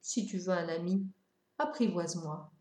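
A woman voicing a patient, wistful fox who explains things calmly and reflectively. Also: lowish voice, normal speed, echoey room, close to an everyday voice.

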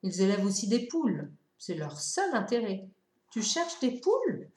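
A woman voicing a patient, wistful fox who explains things calmly and reflectively. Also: medium pitch, normal speed, roomy sound, close to an everyday voice.

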